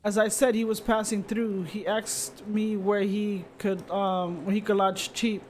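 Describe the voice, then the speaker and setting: Chatty, helpful restaurant man, read out by a male streamer, high voice. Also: little pitch movement, slight background noise. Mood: friendly. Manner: chatty, helpful, halting with fillers. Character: friendly middle-aged Greek restaurant owner, man.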